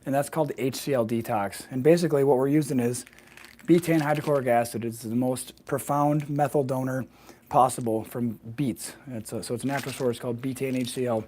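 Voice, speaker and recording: Slightly hoarse, fast-talking man explaining health. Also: mid-range voice, fairly even intonation, darkish tone, slight background noise. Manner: fluent, explanatory, often checks with "right?" and "okay?". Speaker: health practitioner hosting a weekly wellness video. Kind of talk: informal explainer to camera, live stream.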